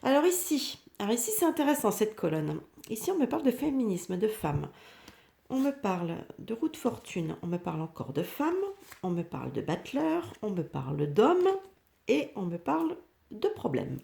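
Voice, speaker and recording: A woman from France talks through a tarot spread in a loose, hesitant way, stopping often for fillers and restarts. Her voice is mellow and slightly gravelly. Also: medium pitch, big pitch swings, normal speed. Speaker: tarot reader. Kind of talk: casual tarot reading commentary.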